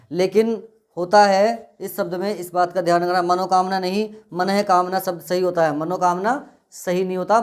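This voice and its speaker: A male teacher giving an exam-prep spelling lesson, drilling words by repeating them in a steady, methodical way. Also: high-pitched.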